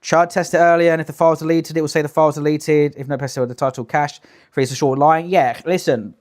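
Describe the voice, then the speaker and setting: A man's voice: a little high, steady tone, fast talker, darkish tone. A young British man doing casual livestream reaction commentary, blunt, sweary and emphatic in an incredulous way. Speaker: live streamer commenting on clips.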